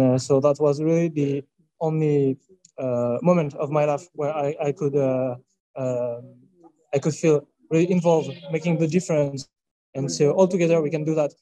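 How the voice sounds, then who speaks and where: A man in his twenties with a French accent, answering panel questions haltingly. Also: fairly high pitch, dark tone, dry recording, poor audio. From France. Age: 20s. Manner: halting, many filler sounds and restarts. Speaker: youth scout representative. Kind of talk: panel interview.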